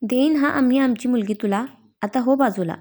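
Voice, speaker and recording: A woman's voice: on the high side, moderate pace, dark tone, natural voice. A woman voicing a playful young groom who jokes and teases his bride. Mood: teasing. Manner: joking, light teasing.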